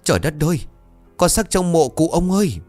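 A man's voice: expressive, moderate pace, a little mellow, dry recording, soft background music, close to an everyday voice. A man voicing terrified young male household servants who cry out in panic. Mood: panicked. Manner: panicked, shrill cries.

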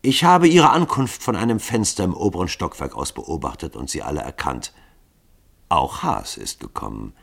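A man voicing a cold leader who speaks in a slow, even monotone. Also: deep voice, creaky, breathy edge, voice pushed down, exaggerated voice.

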